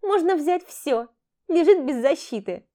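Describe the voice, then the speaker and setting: A woman narrator doing a cocky young female thief with a high, lively, swooping voice that bosses and scolds. The tone stays mellow rather than bright, each line snapped out in a sharp-tongued way in this storybook reading. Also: measured pace. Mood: pleased, curious. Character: brash young female thief, impatient and scornful. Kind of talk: audiobook character voice.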